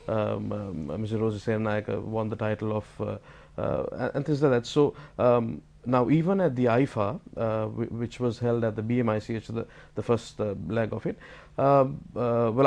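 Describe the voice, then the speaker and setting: Sri guy hosting an interview, average pitch, rambly and hesitant, keeps restarting his questions. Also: gravelly, a little mellow. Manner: hesitant, rambling, repeats words and restarts often.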